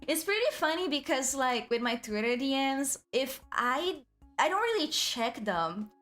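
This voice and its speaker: A woman chatting casually on a livestream as a cute anime-style VTuber host, rambling and excitable. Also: high voice, a little slow, soft background music. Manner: rambling, frequent "like" asides.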